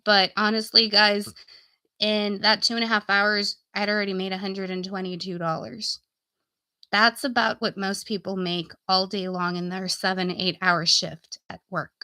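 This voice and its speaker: A woman addresses her viewers directly in a folksy, informal coaching style during a live stream of casual chat and sales pitching. Her voice is bright and forward at mid pitch, smooth and flat in delivery at normal speed, but she's coming down with something and beginning to lose it. There's no room sound in the dry recording.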